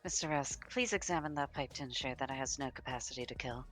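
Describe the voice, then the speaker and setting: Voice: medium pitch, fast talker, a bit bright, faint music behind, lightly acted, low-quality recording. A woman voicing a formal, courteous hotel clerk with an unsettling edge in a live game read. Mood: polite. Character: polite, creepy hotel clerk.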